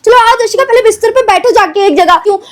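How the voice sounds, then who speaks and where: A woman's voice: very high voice, fast. A young woman playing a worried mother in a home family vlog skit, fussing over her child and repeating her name.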